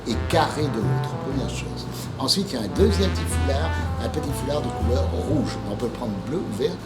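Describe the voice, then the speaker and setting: Guy doing kids party magician patter, quick and jokey, loud music behind him. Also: mid-range voice, lively intonation. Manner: playful kids' party magician patter, mock-explaining tricks. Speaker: stage magician.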